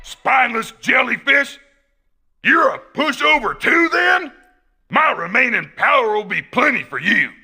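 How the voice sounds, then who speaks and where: A bragging, cowardly martial arts champion from a video game. His voice sits high and swoops all over, gravelly and husky, with a blaring, bright edge. He blusters and taunts, and game music plays behind him. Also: expressive, a little slow, full character voice. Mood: boastful taunting. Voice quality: loud, blustering. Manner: brags and taunts, then loses nerve.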